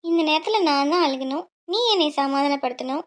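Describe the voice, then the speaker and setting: A woman voicing a squeaky cheeky young bride. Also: fairly quick, lightly acted. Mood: cheeky, soothing. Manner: cheeky, bubbly. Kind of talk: cartoon voice acting.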